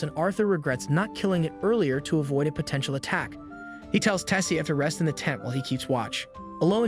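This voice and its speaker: A man with a somewhat high voice narrates a recap in a steady, scripted storytelling manner. Faint music plays quietly under his voice throughout.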